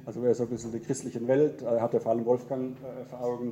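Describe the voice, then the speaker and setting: A man preaching a sermon in a church, earnest and gentle, repeating key phrases. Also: mid-range voice, flat delivery, fast talker, crowd noise. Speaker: pastor.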